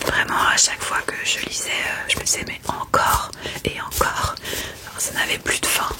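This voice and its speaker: Whispering woman in a soft ASMR book chat. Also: normal speed. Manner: soft library whisper, hushed and unvoiced. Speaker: ASMR creator reviewing books.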